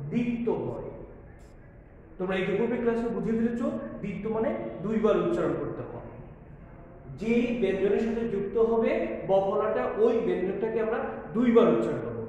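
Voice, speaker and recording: A high-pitched man explains a language lesson to his students, patiently going over each point more than once. The recording is dull and lo-fi, with a faint hum in the background. His voice rings through a very echoey room with a long, trailing reverb. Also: a little mellow. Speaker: college Bengali teacher. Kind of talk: recorded classroom lecture.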